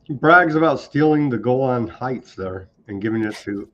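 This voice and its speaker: Sarcasm runs through this political commentary host's conversational delivery. He speaks in an animated mid-range voice at a moderate pace with a slightly bright tone, captured in dull lo-fi sound.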